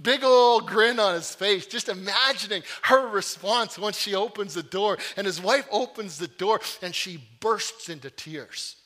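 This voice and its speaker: A man preaching a sermon, telling stories with energy, then turning to earnest, quieter appeals, and repeating words as he restarts phrases. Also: sits high, a little slow, few pauses. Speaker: pastor.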